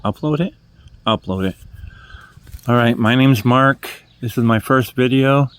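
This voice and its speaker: In a casual first attempt at book vlogging, an older New England man from New Hampshire, over fifty, talks into a phone in his hand, mocking himself and fixing his own words. His mid-range voice is smooth, and his pace is measured.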